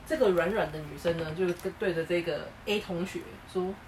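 A woman co-hosting a casual chat podcast, telling stories in a lively way and acting out what people said. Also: fairly low pitch, brisk, far from the mic, a little hiss or hum, rough recording. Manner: animated storytelling, acting out quoted lines. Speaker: podcast co-host.

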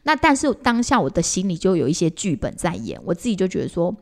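A gravelly, low-leaning female voice moves at a quick pace. She's a mother and podcast co-host, animatedly retelling family moments in casual conversation, stumbling into fillers and restarts often.

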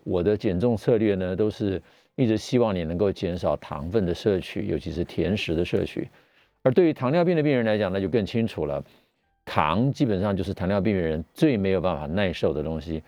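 A middle-aged man with a Taiwanese Mandarin accent hosts a live radio health talk as a physician, explaining in a measured way with pauses and speaking through a face mask. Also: lowish voice, dark tone, dry recording. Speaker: radio show host and family physician. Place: radio studio.

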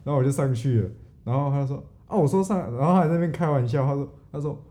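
Easygoing Taiwanese man with a mellow voice. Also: medium pitch, rapid-fire. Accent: Taiwanese Mandarin. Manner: easygoing, stammering restarts. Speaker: podcast co-host. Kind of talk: casual storytelling chat.

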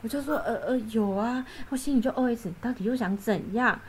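A young woman chatting as a podcast guest, telling stories with lively energy and acting out what her coworkers said. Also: on the high side, brisk, breathy edge. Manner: animated storytelling, acts out coworkers' lines. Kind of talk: casual podcast chat.

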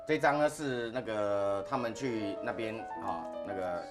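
Over soft background music, a man with a lowish, slightly slow voice and a Taiwanese Mandarin accent hosts a podcast. He tells ghost stories to a panel in a casual yet dramatic, animated way.

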